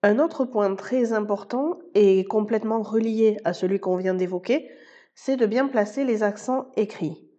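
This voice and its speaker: Woman teacher with a mellow, muffled sound. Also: medium pitch, a little slow. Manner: patient, explanatory, addresses listener informally. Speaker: Spanish teacher. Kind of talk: scripted podcast lesson.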